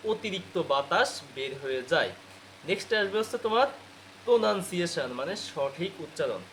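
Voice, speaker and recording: A high-pitched man teaches English pronunciation to students. He drills each point by asking a question and answering it at once. A faint hiss runs under his voice. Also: a bit bright. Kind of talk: spoken lecture to students.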